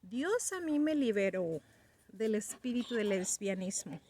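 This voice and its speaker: A woman's voice: mid-range voice, expressive, measured pace, dark tone. A woman in her fifties giving an earnest personal religious testimony, acting out remembered conversations as she tells them. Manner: earnest, acts out remembered dialogue.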